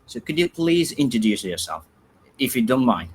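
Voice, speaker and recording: A man's voice: mid-range voice, big pitch swings, moderate pace, slight background noise. A man moderating an online English study group, polite and thanking people often, with many fillers. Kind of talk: online group session hosting.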